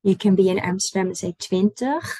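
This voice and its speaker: Slow, gravelly-voiced woman teaching. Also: on the low side, fairly even intonation, a little mellow, no echo, poor audio. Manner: slow, patient, explaining pronunciation. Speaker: language teacher. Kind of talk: online language lesson.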